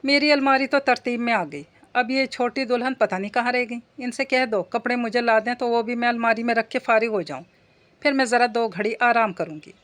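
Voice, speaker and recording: A woman reading the part of a sharp-tongued older mother-in-law who gossips and complains. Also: fairly high pitch, fairly quick, close to an everyday voice.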